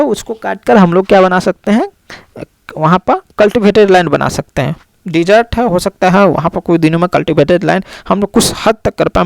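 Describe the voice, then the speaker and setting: A man's voice: sits high, vocal fry, no echo. A man teaching a lesson, explaining step by step and repeating key terms with many fillers. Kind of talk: classroom lecture.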